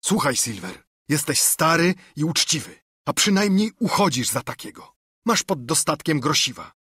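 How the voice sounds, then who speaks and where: A man voicing an honest, stubborn sailor with a raspy, trembling voice who speaks earnestly and indignantly. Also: fairly high pitch, big pitch swings, normal speed, sharp tone, no echo, studio quality, voice pushed up, heavily acted. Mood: pleading.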